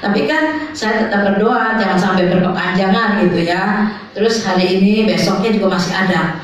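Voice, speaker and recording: A woman's voice: mid-range voice, a little fast. An older woman pastor, telling a testimony in a sermon and often turning to address the congregation. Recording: very echoey hall, mic far off.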